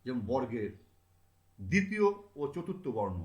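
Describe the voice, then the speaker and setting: A man's voice: medium pitch, very animated, normal speed, echoey room. A male teacher giving a grammar lesson, sounding out consonants one by one, asking his students questions and answering them himself.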